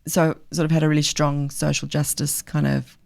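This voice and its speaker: A woman's voice: sits low, level tone, moderate pace, vocal fry, a little mellow. Woman with a faint South African accent. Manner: earnest, emphatic, thinks aloud with fillers. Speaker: guest, charity leader. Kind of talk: podcast interview.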